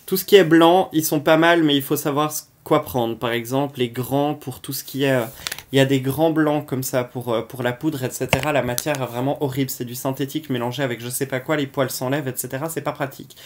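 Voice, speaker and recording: A man's voice: mid-range voice, steady tone, brisk, a little hiss or hum. Chatty, blunt man reviewing makeup. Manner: chatty and blunt, many hesitations. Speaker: beauty vlogger. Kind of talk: casual product review.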